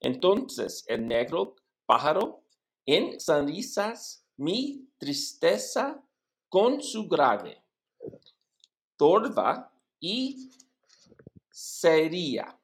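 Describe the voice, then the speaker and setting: A man whose first language is English, practicing a poem recitation as a Spanish learner, halting and repeating words syllable by syllable. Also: fairly high pitch, wildly swooping pitch. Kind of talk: practicing poetry recitation in a lesson.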